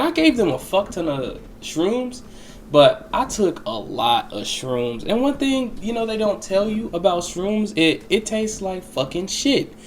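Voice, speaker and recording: A young adult man with a slightly high voice talks in a loose, casual storytime monologue. He rambles, swears freely and leans on slang. There is some noise and clicking behind him. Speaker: storyteller recounting a personal experience.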